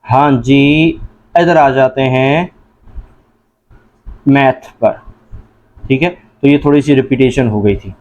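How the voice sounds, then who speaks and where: Male test-prep tutor, Pakistani Urdu accent, high-pitched, question-and-answer drilling style. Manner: addresses listeners as janab. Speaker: teacher. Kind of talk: entry-test lesson.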